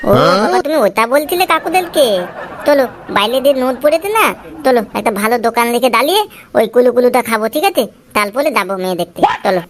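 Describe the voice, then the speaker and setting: A woman's voice: sits high, animated, fast. A woman voicing a childish, whiny boy who wants to get married, in a cartoon. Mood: eager. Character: whiny boy eager to marry. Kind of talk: Tweencraft cartoon voice acting.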